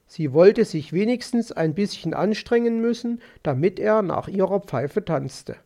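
A man narrating an audiobook story in an expressive, measured way. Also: high-pitched.

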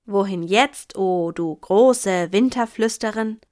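A woman's voice: lowish voice, lively intonation, normal speed, no room sound, clean studio sound. A woman voicing an impatient, sarcastic young boy in a storybook reading.

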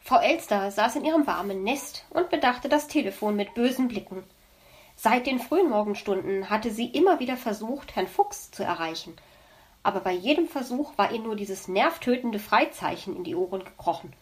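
A woman narrating a children's storybook in an expressive, lively way. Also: mid-range voice, normal speed.

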